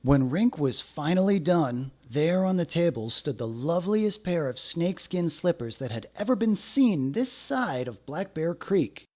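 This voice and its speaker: Reading a children's story aloud, a man uses a fairly high-pitched voice. His delivery is expressive and deliberate, full of dramatic phrasing.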